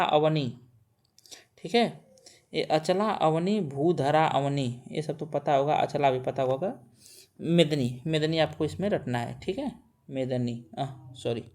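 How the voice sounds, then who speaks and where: A man's voice: a little high, darkish tone. A male teacher leads an exam-prep lesson, repeating lists of words again and again. He keeps urging listeners to shut their eyes and recite along in a patient, drilling manner. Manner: repetitive drilling, coaxing students to close eyes and recite. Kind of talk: memorization lesson.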